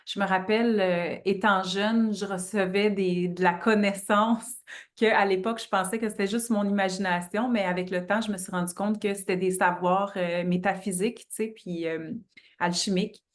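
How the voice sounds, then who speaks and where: Québécois woman, 30s, interview guest, steady mid voice, thoughtful answers with fillers. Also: medium pitch, moderate pace. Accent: Québécois French. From Quebec, Canada. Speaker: astrologer guest.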